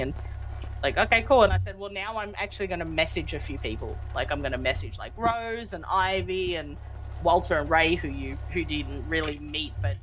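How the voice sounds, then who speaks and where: A fellow roleplayer tells a long, rambling story over voice chat, with many fillers and lively pitch jumps, on a headset mic. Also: low-quality recording.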